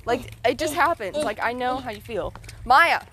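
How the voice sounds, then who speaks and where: A woman's voice: on the high side, lively intonation, moderate pace, pushed and bright. A woman chatting casually with friends on an amateur podcast, teasing them in a brash, crude way. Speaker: amateur podcast participant, narrating. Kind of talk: casual joking chat among friends.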